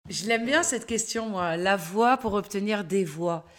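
A middle-aged woman with a Parisian accent, a voice coach talking in an interview, animated and full of hesitations. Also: medium pitch, measured pace. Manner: animated, many hesitations and fillers. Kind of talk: casual interview talk.

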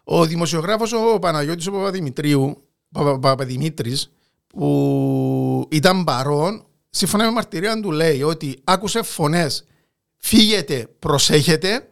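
Cypriot greek guy telling history on a chat show, bit higher voice, stops and starts a lot. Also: creaky, smooth. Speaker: podcast co-host narrating history. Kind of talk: conversational storytelling.

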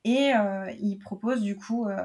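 A woman co-hosting a casual podcast, recapping a TV episode with a hesitant delivery and plenty of fillers. Her voice sits at a middle pitch. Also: measured pace, darkish tone. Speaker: podcast co-host.

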